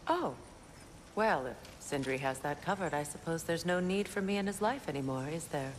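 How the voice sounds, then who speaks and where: Game role: a regal, sharp-tongued goddess, low and measured. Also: female voice, background noise. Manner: measured, storytelling, dry sarcasm. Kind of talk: video game dialogue.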